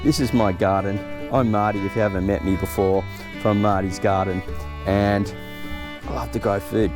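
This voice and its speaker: A man's voice: fairly low pitch, steady tone, moderate pace, music in the background. A man hosts a gardening vlog, chatting in an easygoing, upbeat way while outdoors in his vegetable garden. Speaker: gardening channel host. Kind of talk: casual vlog chat.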